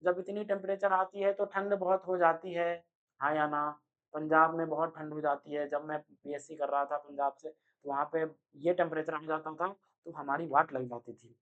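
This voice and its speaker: A young man giving an energetic online chemistry lecture, speaking loudly and constantly quizzing his students with quick rhetorical questions. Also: on the high side, narrow, tinny audio. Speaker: chemistry teacher. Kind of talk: online exam-prep lecture.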